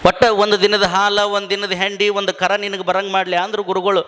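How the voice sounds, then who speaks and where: High-voiced man telling a comic tale. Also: monotone, normal speed, fairly bright tone, clean tone, big-room sound. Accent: North Karnataka Kannada. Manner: storytelling with repeated lines and voiced dialogue. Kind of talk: humorous spiritual discourse.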